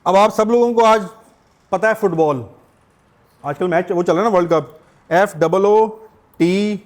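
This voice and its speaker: A middle-aged Pakistani-accented man lectures a class in a high voice. He explains things step by step. He keeps stopping to put questions to his students. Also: unhurried. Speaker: teacher.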